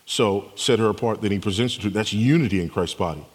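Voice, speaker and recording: A man's voice: on the low side, quick pace, husky, in a large hall. A man preaching a sermon as pastor, emphatic, repeating his key phrases.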